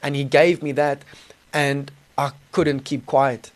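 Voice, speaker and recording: Telling his personal testimony as a guest on a podcast, recorded in a small studio, this South African man speaks earnestly and conversationally with colloquial slang. His mid-range voice moves little in pitch, and he talks slowly.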